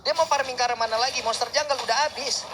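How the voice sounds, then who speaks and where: An Indonesian esports announcer with a high-pitched voice races through live play-by-play. The delivery is excited, like a fighting game announcer, with shouted calls over very loud game noise. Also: very fast. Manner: animated shouted calls of player names and plays. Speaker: esports match commentator.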